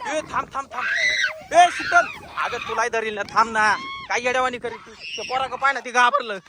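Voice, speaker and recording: A man, playing an excitable village husband in an amateur comedy skit, shouting and repeating words quickly. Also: extremely high pitch, very noisy. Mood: panicked. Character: jumpy rural farmer husband, loud and excitable. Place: outdoors in farm fields.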